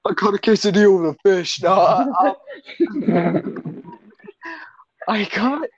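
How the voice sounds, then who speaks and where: A woman co-hosting a casual gaming podcast, giggly and animated as she jokes with friends. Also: medium pitch, normal speed, slightly rough, dry recording, lo-fi sound. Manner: giggly, animated, laughs through her jokes. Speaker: podcast co-host.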